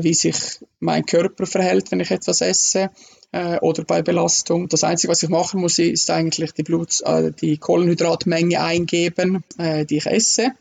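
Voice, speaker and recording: A man, a guest in a casual interview, explaining slowly with many fillers. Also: a little high, creaky, darkish tone, breathy edge.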